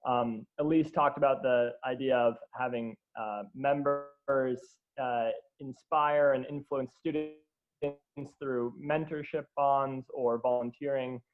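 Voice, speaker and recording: A man giving reflective remarks at a community meeting, speaking in an even, measured way. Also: mid-range voice, soft background music. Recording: tinny phone-like sound.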